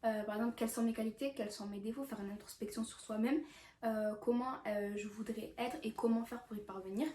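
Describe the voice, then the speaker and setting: A woman's voice: a little high, steady tone, brisk, dark tone. A young woman vlogging casually about self-improvement, hesitant with many fillers and restarts. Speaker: YouTuber. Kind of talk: casual self-help vlog talk. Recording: echoey room, mic at a distance, faint background hiss.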